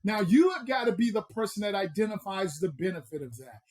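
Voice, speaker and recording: A man's voice: high-pitched, lively intonation, darkish tone. A man from the American South with a Southern accent, talking as a personal growth coach on a podcast in an emphatic, preacher-like way. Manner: emphatic, preacher-like, drawn-out stresses. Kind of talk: motivational podcast talk.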